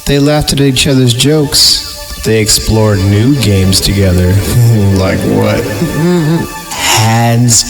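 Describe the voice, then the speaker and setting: A man with a lowish, expressive voice reads very slowly as host of a horror podcast, with music playing behind him. He narrates creepypasta stories and breaks off for sarcastic, improvised jokes.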